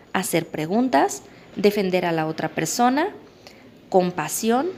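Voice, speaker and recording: A woman's voice: mid-range voice, vocal fry, darkish tone, a little hiss or hum. A woman, a psychologist, summarizing a parenting book in a conversational way. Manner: conversational, acts out parent and child quotes.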